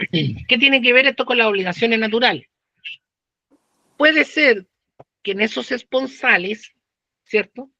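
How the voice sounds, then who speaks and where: A man's voice: very high voice, lively intonation, measured pace, creaky, long pauses, bright, forceful tone, dry recording, dull audio. A man with a Chilean accent teaching law, talking casually with slang and asking the class questions. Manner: conversational, uses slang and rhetorical questions. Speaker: law professor. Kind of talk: lecture.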